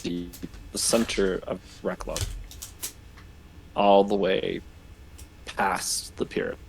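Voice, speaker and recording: A man running a tabletop game as game master, relaxed and laughing often, with hesitant fillers. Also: sits low, slow, gravelly, a little hiss or hum.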